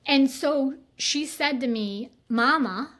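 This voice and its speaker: A woman's voice: a little high, normal speed, fairly bright tone. A woman in her thirties, a guest consultant, talking earnestly and emphatically in a casual interview and speeding up in bursts. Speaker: guest consultant on workplace neuroscience.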